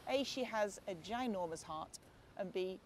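This art channel host, a woman in her forties from Lancashire, England, speaks with a softened Lancashire accent in an expressive, medium-pitched voice at a slightly slow pace. Filming outdoors on a beach at sunset, she chats to camera, thanking viewers warmly and addressing them as guys and mate. The camera audio is noisy.

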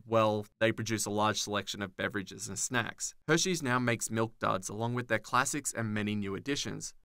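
A man with an Australian accent giving scripted documentary narration as a channel host, clear and informative. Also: fairly low pitch, sharp tone, no room sound.

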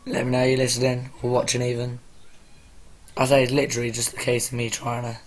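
A man with a croaky voice casually talking to viewers on a live stream, rambling as he sets things up. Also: medium pitch. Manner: rambling, chatty, addressing viewers.

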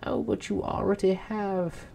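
A man voicing a sly little male imp who bargains, speaking slowly and teasingly in a bedtime story. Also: high-pitched, level tone, vocal fry, warm tone, pitched above the performer's own voice, exaggerated voice.

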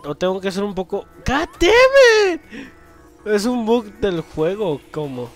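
A young man, commentating a video game as he plays, swearing loudly and laughing often at what happens on screen. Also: sits high, lively intonation, fairly quick, soft background music. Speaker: gameplay commentator. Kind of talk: let's play commentary.

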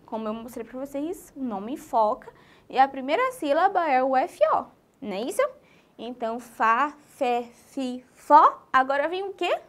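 A Brazilian woman teaching a literacy lesson to young children, in an animated, sing-song way and speaking straight to them. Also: high voice, normal speed. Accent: Brazilian Portuguese.

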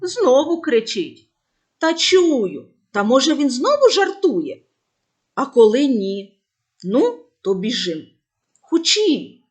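A woman voicing gruff village shepherd men in a children's storybook. They scold and grumble in an unhurried, lilting voice. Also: high voice, big pitch swings, heavily acted. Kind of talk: storybook voice acting.

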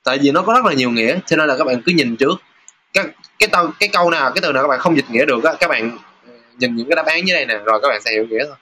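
A man teaching a casual lesson over test questions, chatty, pausing with filler sounds and reading example sentences aloud slowly. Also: medium pitch, pushed and bright, slight background noise. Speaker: Japanese teacher.

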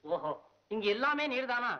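A man's voice: big pitch swings, moderate pace. An actor playing a poor, anxious male poet in a 1960s film, whining and frantic. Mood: cheeky. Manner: frantic, whiny, jumps between high and low. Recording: dull old film soundtrack.

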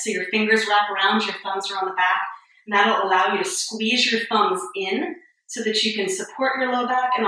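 A woman in her thirties guides a yoga class with steady, step-by-step cues, slightly winded between poses. Her voice is bright and clear, but it sits far from the microphone in a very reverberant room. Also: mid-range voice. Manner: calm step-by-step cueing, a little breathless and joking. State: a bit out of breath. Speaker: yoga instructor. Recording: very echoey room, voice far from mic.

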